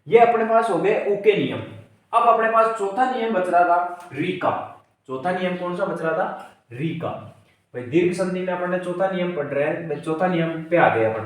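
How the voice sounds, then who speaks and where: Male teacher, grammar lesson, slightly high voice, answers his own questions, very echoey room, distant mic. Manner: repeats questions and answers them himself; spells out word parts slowly. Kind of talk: exam-prep grammar lesson.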